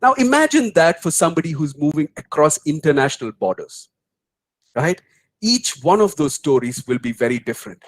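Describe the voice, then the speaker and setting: A middle-aged man with an Indian English accent, speaking as a guest on a webinar and telling anecdotes in an animated way. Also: fairly high pitch, brisk, dry recording, rough recording. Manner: storytelling, animated, mimics voices in anecdotes. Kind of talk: webinar talk answering questions.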